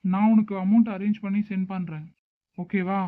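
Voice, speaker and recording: A man's voice: high-pitched, fairly even intonation, normal speed, close to an everyday voice. A man playing a caring older brother who soothes and reassures his crying sister, in an amateur short drama. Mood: soothing. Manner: soothing, reassuring, gently coaxing. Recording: dry, tinny phone-like recording.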